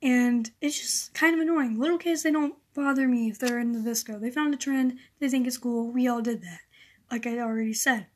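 A teenage girl hosts her own casual solo podcast, ranting in a sarcastic, exasperated way as she rambles. Her voice sits on the high side and she talks briskly.

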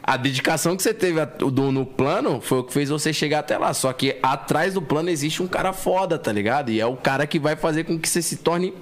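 A Brazilian man hosts a podcast in a loose, slangy style, his voice a little high for a man. He keeps an easy, enthusiastic flow. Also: fast, few pauses. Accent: Brazilian Portuguese. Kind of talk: casual podcast chat.

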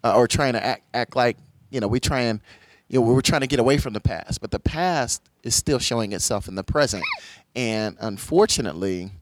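A man's voice: medium pitch, lively intonation, fairly quick, no room sound, clean studio sound. A man hosting a conversation on faith, affirming his guest and reflecting aloud with frequent restarts. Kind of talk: conversational talk on faith and society.

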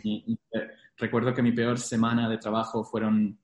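Young male interview guest, fairly deep voice, casual Spanglish with English business jargon, reverberant room sound. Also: completely flat delivery, normal speed, a little mellow. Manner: Spanglish, mixing English business terms into Spanish. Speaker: interview guest, former investment banking analyst. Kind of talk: casual interview, telling career experience. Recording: echoey room.

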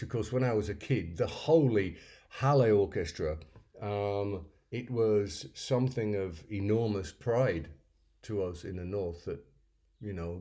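A man's voice: lowish voice, warm tone. A man hosting a solo music podcast, talking in a rambling, reflective way with many fillers and restarts. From North Yorkshire, England. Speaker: podcast host.

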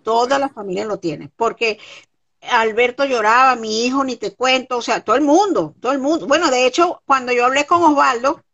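A woman's voice: fairly high pitch, brisk, fairly bright tone, muffled recording. A middle-aged Venezuelan woman, a guest in an interview, speaking earnestly and repeating words for emphasis. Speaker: guest, comedian. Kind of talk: conversational interview.

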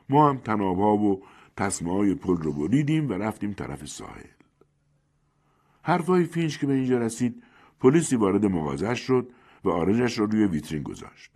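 Low, husky male storyteller. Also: darkish tone. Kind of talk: audiobook narration.

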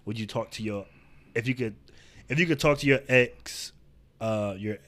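A man's voice: fairly low pitch, moderate pace, a bit bright. A man co-hosting a podcast, earnestly explaining a hypothetical question in casual chat. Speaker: podcast co-host.

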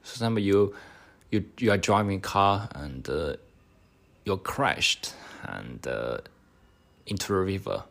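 A slow-talking podcast host with a deep, slightly bright voice, animated delivery, and vocal fry gives mock speaking exam answers. Chinese is his first language, and he hesitates often, using many fillers.

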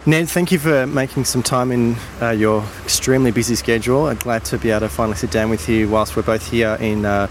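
A man's voice: mid-range voice, fairly even intonation, slight background noise. Hesitant male podcast host. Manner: halting, hesitant phrasing. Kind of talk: interview questions.

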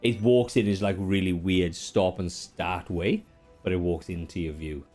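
A man with a lowish voice runs a tabletop game, setting scenes in a halting, filler-heavy way. Faint music plays under his voice. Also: fairly even intonation, a little mellow. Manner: descriptive, hesitant with fillers. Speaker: game master.

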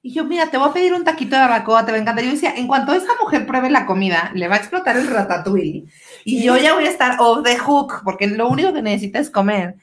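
A woman's voice: fairly high pitch, animated, quick pace. A woman with a Mexican accent telling a personal story on a casual podcast, swearing freely and laughing often. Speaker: podcast co-host.

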